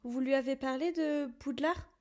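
A woman's voice: high voice, moderate pace, close to an everyday voice. A woman voicing an earnest young schoolboy wizard who presses his questions urgently.

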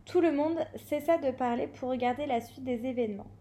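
A woman's voice: sits high, a little fast. A woman reading a novel aloud expressively, now and then stumbling and correcting herself. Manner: expressive, with occasional slips and self-corrections. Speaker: reader.

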